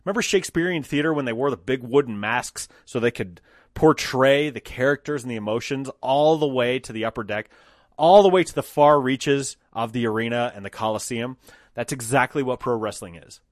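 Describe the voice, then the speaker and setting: Here the Colorado podcaster delivers a brisk, unscripted solo monologue, animated and foul-mouthed, voicing mock quotes as he goes. His pitch is medium, and the studio-quality sound has no echo.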